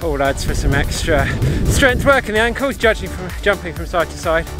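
Casual man vlogging, slightly high voice. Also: animated, normal speed, over music. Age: 30s. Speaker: running vlogger. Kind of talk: casual chat to camera. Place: outdoors in open air.

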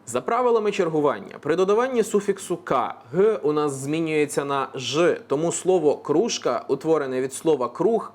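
Man with a raised voice, explaining words. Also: on the high side. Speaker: presenter of a language explainer channel. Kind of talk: scripted educational narration.

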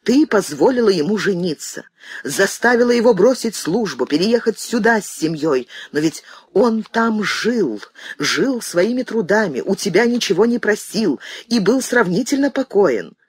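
A woman's voice: mid-range voice, very animated, moderate pace, slightly rough, no echo, voice pushed up. A woman reading an audiobook voices an anguished grown son, weary and pleading, who turns bitter with his mother. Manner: pleading, restrained, then bitter.

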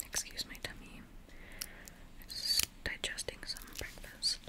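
Young woman whispering ASMR with nail taps. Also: slow. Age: young adult. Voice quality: breathy unvoiced whisper. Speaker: ASMR video creator. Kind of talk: whispered ASMR, casual rambling. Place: small bedroom. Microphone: close desktop condenser microphone.

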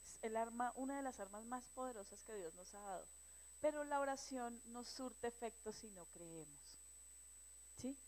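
A woman sharing earnestly with her church prayer group, telling a story with lively rhetorical questions. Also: a little high, normal speed, rough recording. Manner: earnest, animated storytelling with rhetorical check-ins.

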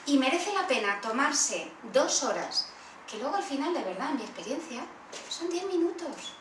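Woman, Spanish accent, workshop leader, animated, high voice, far from mic. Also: moderate pace. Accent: Spanish from Spain. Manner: animated, acts out children's voices in role-play. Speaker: workshop facilitator. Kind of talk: interactive workshop teaching. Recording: roomy far-off room recording with faint noise.

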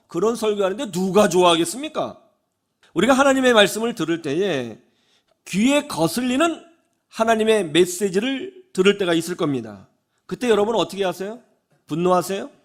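Lively high-voiced male preacher. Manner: animated, asks the congregation questions. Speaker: pastor. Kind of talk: sermon.

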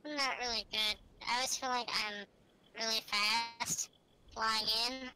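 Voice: mid-range voice, fairly even intonation, measured pace, pushed and bright, smooth, poor audio. A woman streamer chatting casually while gaming, her voice run through a voice changer filter.

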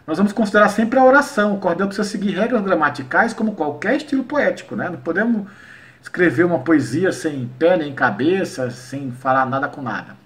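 A man from Paraíba, teaching educators about cordel poetry and reciting his verses slowly and rhythmically. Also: on the high side, expressive, fairly bright tone. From Paraíba, Brazil. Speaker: cordel poet and workshop teacher. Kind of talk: online lesson for educators.

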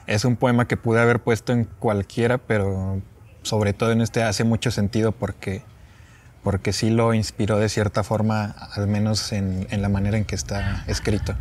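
On an open patio furnished in wood, a young poet from Chihuahua, Mexico, introduces and recites his own work in a northern Mexican accent. His voice is fairly low and somewhat dark in tone.

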